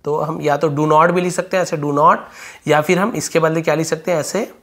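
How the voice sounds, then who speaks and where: A man teaching English grammar in Hindi, explaining step by step, asking and answering his own questions and slowing right down to dictate English phrases. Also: fairly high pitch, fairly even intonation, a bit bright. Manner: drawn-out slow dictation when writing English phrases.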